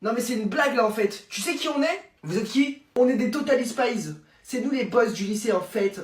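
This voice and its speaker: A man's voice: very high-pitched, expressive, moderate pace, recorded from a distance. A man voicing an arrogant teenage schoolgirl talking down to a school supervisor, in a roomy sketch recording. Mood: haughty. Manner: haughty, sassy. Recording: roomy echo.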